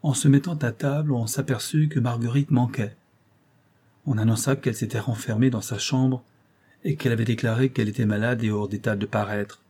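A man narrating a classic tale as an audiobook in a steady storytelling manner. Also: medium pitch, a little fast, husky.

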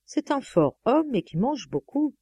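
A woman reads a first-person novel aloud in a lively, exclamatory storytelling style. Her voice is mellow and on the darker side. The close microphone gives a dry sound with no room echo. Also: high-pitched, measured pace, breathy edge. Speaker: audiobook reader.

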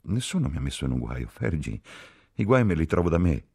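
A man voicing a cheerful, affectionate young woman in an audiobook, soothing and gentle. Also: extremely low pitch, sing-song, a little fast, gravelly, slightly rough, exaggerated voice. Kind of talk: audiobook character reading.

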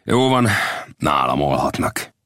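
A man's voice: a bass voice, very animated, a bit bright, no echo, clean studio sound, full character voice. A man voicing a cautious, widowed middle-aged blacksmith in an audiobook, earnest and warning. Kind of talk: audiobook character voice.

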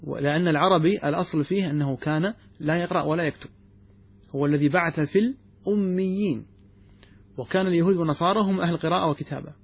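A man teaching religious law, explaining a text step by step and often asking his students whether it is clear. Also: on the high side, fast. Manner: poses questions then answers them. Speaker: sheikh teaching Islamic jurisprudence. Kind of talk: classroom commentary on a text.

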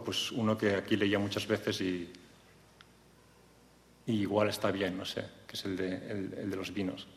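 A man invited to read at a live event, introducing a comic text with hesitant, chatty asides full of fillers. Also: lowish voice. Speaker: invited reader. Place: reading event in a hall. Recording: echoey hall with faint noise.

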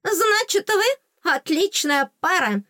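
A woman voicing a small, cheeky female tooth fairy with a squeaky, teasing, excitable voice in an audiobook. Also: slow pace, no echo, studio quality, full character voice. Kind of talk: audiobook character voice.

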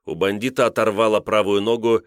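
A man narrating an audiobook in a steady, grave reading style. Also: fairly low pitch, a little fast, smooth, dry recording, studio quality. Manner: steady, grave reading of a wartime crime novel. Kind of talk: scripted narration.

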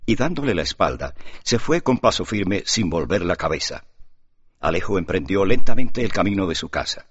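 A man reading an audiobook in measured scripted narration. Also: low voice, sing-song, husky. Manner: measured storytelling. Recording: dull lo-fi recording.

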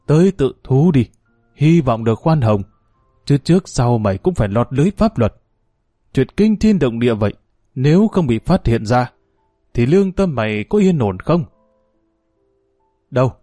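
A man's voice: medium pitch, mellow, no echo, clean studio sound, natural voice. A man voicing a stern, blunt old village man. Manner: blunt, scolding, rough address.

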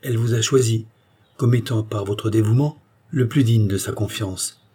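Male narrator as a poised aristocrat; low, husky, soothing. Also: normal speed, dark tone. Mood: reassuring. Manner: soothing, reassuring. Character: calm self-assured aristocratic duke.

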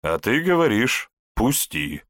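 A man reading an audiobook, voicing a gruff, wry grand prince tired of quarrels. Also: lowish voice, sing-song, slow pace, a bit bright, dry recording, clean studio sound, voice pushed up, full character voice. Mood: exasperated. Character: brusque grand prince, exasperated husband.

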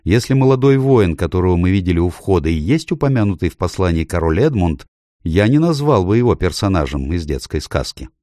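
A man's voice: low voice, very animated, a little fast, dark tone, no echo, clean studio sound. Man playing a sly, wheedling scheming lord. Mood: deferential. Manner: wheedling, conspiratorial. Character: sly cautious scheming male nobleman.

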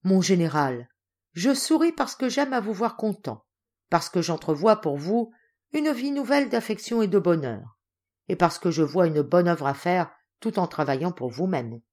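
A woman voicing a kind, thoughtful male officer who speaks in a measured and respectful way. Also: on the low side, sing-song, darkish tone. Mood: earnest.

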